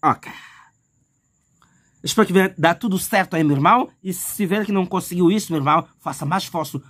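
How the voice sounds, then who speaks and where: A man's voice: high-pitched, fairly quick, a bit bright. A male math teacher talking viewers through an exam step by step, chatty and repetitive, calling the listener brother. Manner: chatty, addresses viewer as "meu irmão"; repetitive, thinks aloud with fillers. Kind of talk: math lesson walkthrough.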